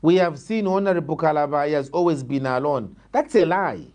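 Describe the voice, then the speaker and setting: Here the Zambian-accented opposition politician, appearing as a guest, sounds a little high and a little mellow, animated and fairly quick. His answers are argumentative and emphatic, with phrases repeated for stress.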